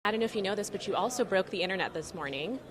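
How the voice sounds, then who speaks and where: A woman's voice: medium pitch, animated, racing, a crowd in the background. A woman interviewing a guest outdoors, upbeat and giggly. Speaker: entertainment interviewer. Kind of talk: red-carpet interview.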